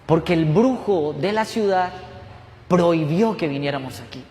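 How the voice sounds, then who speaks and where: Man, pastor, testimonial sermon, high voice, reverberant church hall. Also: expressive, normal speed, darkish tone, a little hiss or hum. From Colombia. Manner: emotional, repetitive storytelling.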